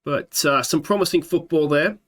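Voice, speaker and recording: A gaming YouTuber from Australia, in his thirties, speaks on the high side at a moderate pace with a fairly bright tone. Nursing a slight sore throat, he thinks aloud with fillers at his desk mic while doing let's play commentary on a football management game.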